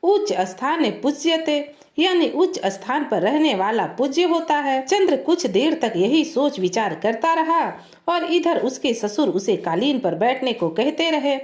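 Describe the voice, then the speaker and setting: A woman storyteller reading a folk tale in a steady, clear narration. Her voice is high and very lively in pitch. The room around her sounds echoey. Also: a little slow.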